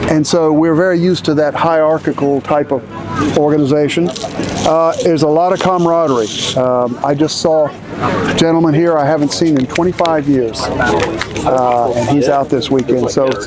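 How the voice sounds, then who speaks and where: An older man talks through his hobby in an unhurried, explanatory way, filling pauses with "uh" and "um". His voice sits a little high for a man. He is recorded outdoors at a camp, with a crowd of people heard around him. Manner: measured, explanatory, with pauses and fillers. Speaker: reenactor, retired professor. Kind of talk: interview at an outdoor event.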